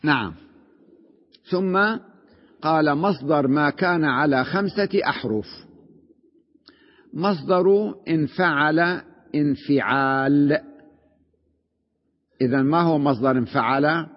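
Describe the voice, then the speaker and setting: A man's voice: on the high side, animated, normal speed, long pauses. A sheikh teaching Arabic grammar in a classroom lecture, explaining step by step, repeating terms and checking whether his students follow. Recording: dull recording with long hall reverb.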